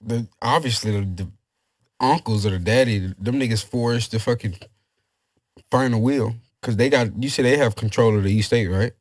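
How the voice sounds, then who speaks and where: A man's voice: mid-range voice, moderate pace, dry recording. Blunt, profane male podcast co-host. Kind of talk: casual podcast chat.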